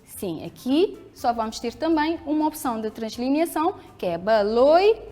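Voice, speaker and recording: Lively high-voiced Portuguese teacher. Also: female voice. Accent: European Portuguese. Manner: clear, patient, asks pupils questions and answers them. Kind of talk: televised school lesson.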